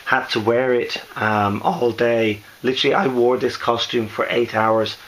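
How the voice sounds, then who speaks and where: A hoarse man who is losing his voice gives a casual, halting show-and-tell as a maker, often correcting himself. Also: medium pitch, fairly even intonation, fairly bright tone, poor audio. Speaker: costume maker presenting a build.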